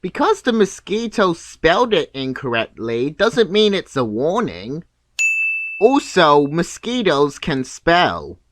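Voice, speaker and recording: A man giving scripted, nitpicking video commentary in a deadpan, sarcastic manner. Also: on the high side, a little slow, hardly any pauses. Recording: clear background noise.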